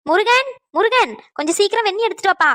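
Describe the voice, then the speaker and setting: A woman's voice: very high voice, expressive, fast, sharp tone, no echo. A woman voicing a soothing, motherly character in a family cartoon. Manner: soothing, motherly, then fretful. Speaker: voice actor for a cartoon channel.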